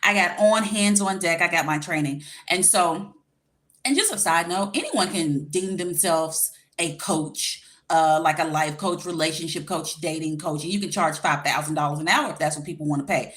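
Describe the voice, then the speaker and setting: A woman's voice: on the low side, normal speed, a bit bright. Woman in her forties, slight retainer lisp. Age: 40s. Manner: informal, colloquial, direct address to viewers. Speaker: life coach and YouTube host. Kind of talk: casual livestream chat giving dating advice.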